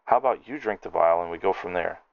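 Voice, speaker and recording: A man's voice: low voice, fast talker, vocal fry, dry recording, phone-quality sound. A man voicing a cranky male gnome alchemist who rants and snaps in furious tirades. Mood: snappish, blustering.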